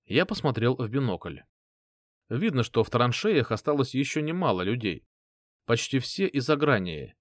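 A male audiobook narrator reads a first-person book in an expressive, lively way with swinging intonation. His voice sits at an ordinary middle pitch and he keeps a moderate pace. The recording is close and dry, with no echo.

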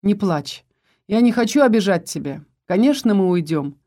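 A teasing, protective young husband who keeps pressing with questions, as a woman reads his lines. The voice is mellow and soft-edged, close to the narrator's own, in a storybook reading. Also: mid-range voice, animated, normal speed, natural voice.

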